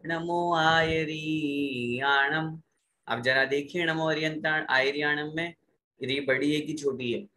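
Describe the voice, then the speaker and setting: Slow-chanting man teaching pronunciation. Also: a little high, pushed and bright, slight background noise, low-quality recording. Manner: slow drawn-out recitation alternating with brisk explanation. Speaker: religious recitation teacher. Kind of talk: pronunciation lesson with call-and-repeat chanting.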